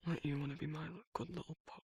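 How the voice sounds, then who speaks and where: In an intimate ASMR roleplay, a man plays a protective, tender werewolf lover, murmuring softly and informally in a husky, breathy voice. His pitch is a little high and level, his pace quick, and the mood tender and coaxing, with no room sound.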